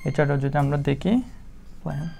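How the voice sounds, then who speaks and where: A woman teaching English spelling rules, slow and methodical, spelling words out letter by letter with frequent hesitations. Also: sits low, fairly even intonation, creaky, dark tone, soft background music. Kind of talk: spelling lesson explained in Bengali.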